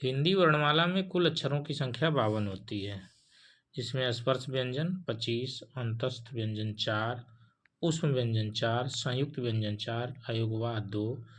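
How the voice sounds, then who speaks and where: A man's voice: mid-range voice, normal speed, fairly bright tone. A man giving a patient, explanatory grammar lesson, listing terms one by one and reciting verses. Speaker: teacher.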